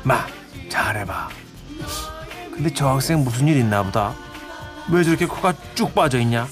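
A man's voice: mid-range voice, lively intonation, moderate pace, faint music behind, natural voice. An actor playing a teasing, bossy male shop owner in a radio drama.

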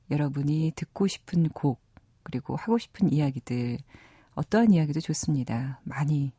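On her radio movie program, a South Korean host in her thirties moves from scripted passages to chatty talk, speaking close to a studio mic. Her voice is low and warm with a breathy edge, captured dry.

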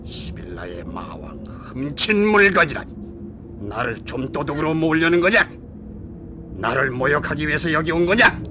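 An actor playing a proud, easily insulted demon lord in an audio drama, with an imperious, threatening dark-lord delivery. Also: male voice, a little high, big pitch swings, normal speed, background noise. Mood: offended, haughty. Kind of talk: dramatized comic audio acting.

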